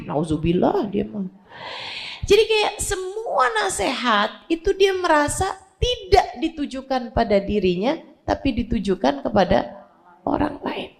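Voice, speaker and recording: A woman preacher delivering a sermon in a colloquial, animated way and acting out examples. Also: fairly high pitch, gravelly.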